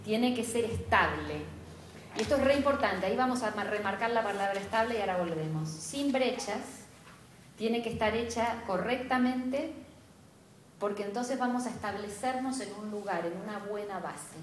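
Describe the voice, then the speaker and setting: A woman's voice: mid-range voice, normal speed, slight background noise. A woman with a Rioplatense Spanish accent giving a spiritual class lecture, engaging and often checking in with her students. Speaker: spiritual teacher. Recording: echoey room.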